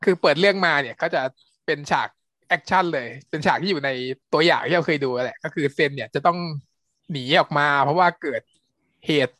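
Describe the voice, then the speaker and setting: Man with a highish voice, casual podcast. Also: fairly quick, no echo. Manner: relaxed, meandering retelling with fillers. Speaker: podcast co-host, series reviewer. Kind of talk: casual review chat.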